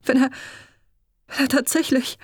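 A shaken sixteen-year-old prince in a spoken storybook, stammering and halting as he searches for words, as a woman reads him. The reading is slow and the recording dry. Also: high-pitched, steady tone, darkish tone, no echo, pitched above the performer's own voice. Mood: distraught. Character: young male crown prince, sixteen, shaken and grieving.

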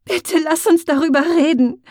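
A woman's voice: sits high, a little slow, creaky, mellow, slightly rough, dry recording, studio quality, voice pushed up, heavily acted. A woman voicing a tender, anxious young druid woman in an audiobook, whispering breathily and rising to pleas. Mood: pleading.

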